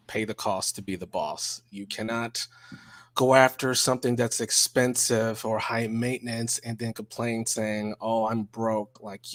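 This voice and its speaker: A man's voice: on the low side, no echo. A man giving firm, lecturing closing thoughts in a casual panel discussion on a video call.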